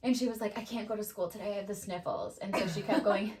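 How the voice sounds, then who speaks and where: A woman co-hosting a casual chat podcast, her voice sitting at an ordinary middle pitch. She tells her stories with energy and swears freely along the way. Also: fast talker, slight background noise. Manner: animated storyteller, swears freely. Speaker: podcast co-host; mother.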